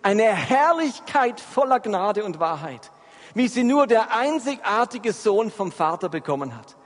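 A man's voice: high-pitched, big pitch swings, measured pace. A man preaching a sermon and often asking his listeners whether they are following. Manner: addresses the congregation with frequent check-in questions. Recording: long hall reverb.

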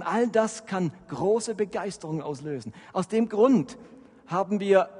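High-voiced man preaching in a reverberant hall. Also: husky. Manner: animated, emphatic preaching with frequent rises in loudness. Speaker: pastor. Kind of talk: sermon.

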